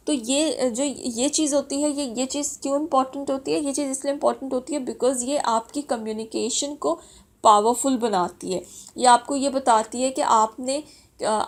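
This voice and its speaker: A woman giving a sales training lesson, mixing in English phrases with frequent fillers. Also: sits high. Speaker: sales and customer service trainer. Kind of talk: instructional talk.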